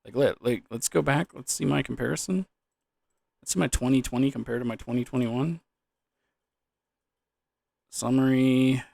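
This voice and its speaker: A man's voice: medium pitch, moderate pace, vocal fry, pauses often, a little mellow, no room sound. A young man in a loose, drunken, rambling casual chat about gaming, trailing off, repeating words and swearing casually. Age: young adult. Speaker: gaming vlogger.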